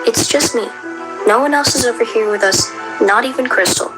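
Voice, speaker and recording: A woman voicing a friendly, caring young female creature in a fan cartoon, gentle and earnest. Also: fairly high pitch, normal speed, music in the background, close to an everyday voice, rough recording. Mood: concerned.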